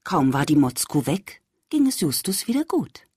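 A woman reading a children's story aloud, speaking gently and addressing the young listener directly. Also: low voice, big pitch swings, moderate pace, breathy edge, dry recording, studio quality.

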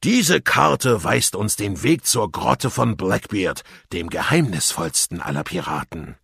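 A gruff, booming pirate captain, played by a man in a storybook reading, rallying his crew with loud rousing speeches. The voice sits higher and louder than the reader's own and keeps a husky grain. It swings freely in pitch as he declaims. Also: lively intonation, unhurried, dry recording, studio quality, heavily acted. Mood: solemn. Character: gruff bold middle-aged male pirate captain.

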